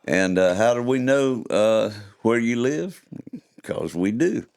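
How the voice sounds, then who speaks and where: A man's voice: medium pitch, animated, slow pace, creaky, darkish tone. An older man, hosting a podcast and reading his own stories in a folksy, chuckling way. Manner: folksy, chuckling, playful delivery. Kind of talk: casual chat and storytelling read-aloud.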